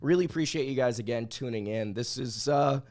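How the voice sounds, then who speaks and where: Guy doing live sports podcast, sounds kinda sick, blunt and opinionated, medium pitched voice. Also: brisk, a little mellow. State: under the weather, sick-sounding voice. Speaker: podcast host. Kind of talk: live sports commentary livestream.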